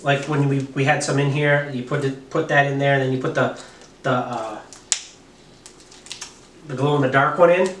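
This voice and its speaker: A man's voice: mid-range voice, steady tone, normal speed, long pauses, fairly bright tone. A middle-aged man from New York chatting casually with his family at home, easygoing and jokey, trailing off with fillers. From New York, USA. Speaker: father and channel co-host. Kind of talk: casual family vlog chat. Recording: echoey room, far from mic, faint noise.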